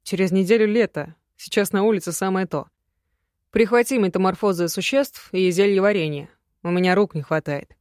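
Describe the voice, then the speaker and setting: A woman reading a young male magic student, teasing and affectionate, in a slightly louder, gentler voice. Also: medium pitch, a little fast, dry recording, clean studio sound, lightly acted.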